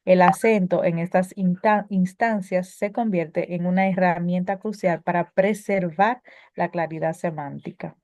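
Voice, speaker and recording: A woman's voice: fairly low pitch, fairly even intonation, unhurried, darkish tone, no echo. A woman teaching a spelling lesson, reading prepared explanations with occasional filler sounds and self-corrections.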